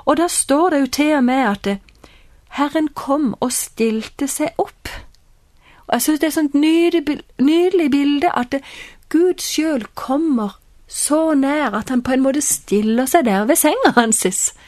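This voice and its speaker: A woman teaches from the Bible in a calm, explaining way. Her voice is fairly high, and the recording is close and dry. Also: no room sound.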